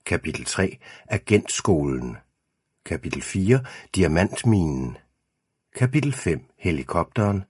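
A man narrates an audiobook in a steady, measured way. His voice sits very low and has a husky edge. The recording is close and dry, with no room sound. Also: dry recording. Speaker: audiobook reader. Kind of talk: scripted first-person audiobook narration.

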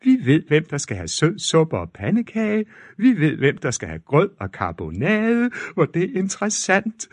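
A gushing older court matron, very high and drawn out, as a man reading the tale puts her on. The voice is husky and sits close and dry. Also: wildly swooping pitch, few pauses, no room sound.

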